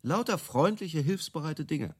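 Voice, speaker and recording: This radio play character, told through interview-style dialogue, is a self-assured, brash man who creates product marketing and pitches gadget stories. He sounds opinionated, waves away objections quickly, and delivers emphatic pronouncements with a highly animated voice that rises and falls.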